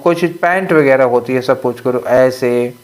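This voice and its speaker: A man's voice: mid-range voice, moderate pace. A man teaching English exam questions, explaining step by step and often checking that students follow. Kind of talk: exam question walkthrough lesson.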